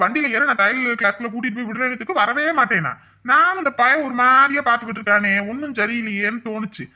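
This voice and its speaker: Casting note: quick, bright, slightly high woman with a Kanyakumari Tamil accent, scolding cartoon villagers.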